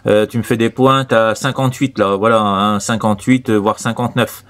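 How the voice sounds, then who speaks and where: Chatting casually over radio contact, a man with a French accent from France rambles, hesitates, and repeats himself, using lots of tag words. His voice is fairly low and fairly bright, with fairly even intonation and a normal speed.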